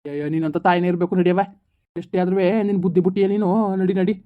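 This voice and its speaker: A woman plays an indignant parent who scolds sharply. The talk comes quickly. The sound is thin and tinny, like a phone line. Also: lowish voice, fairly even intonation, close to an everyday voice. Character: indignant parent defending the daughter.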